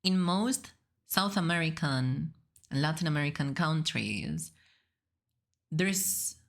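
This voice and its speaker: A VTuber streamer from Spain, speaking with a Spanish accent, reacts to a video in a low, animated voice at a slow pace. She is casual, playful and giggly, and swears freely.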